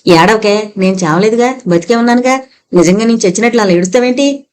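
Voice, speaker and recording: An irritable, harassed middle-aged father grumbles and snaps, as a woman narrator reads his lines. He is quick to anger in this audiobook novel. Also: mid-range voice, a little mellow, smooth, lightly acted. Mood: exasperated. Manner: angry, grumbling.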